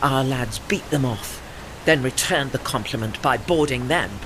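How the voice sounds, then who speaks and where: In an audio drama, a woman voices a dignified, retired old warship, gentle and wistful in a mood of solemn recollection. Her very deep voice is measured, articulate and formal, heard over a noisy background.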